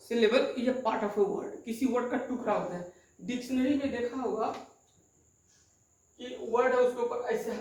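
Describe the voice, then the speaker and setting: A male grammar teacher lectures slowly and deliberately, repeating terms and asking the class whether they follow. His voice sits far from the microphone. It rings through a very echoey room. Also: very high voice. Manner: repeats terms and checks understanding with quick questions.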